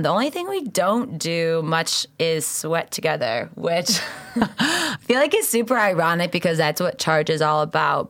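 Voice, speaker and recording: A woman's voice: lowish voice, fairly bright tone, no room sound. A woman in her twenties hosting a podcast, telling stories casually in an enthusiastic, earnest way. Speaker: podcast host and founder.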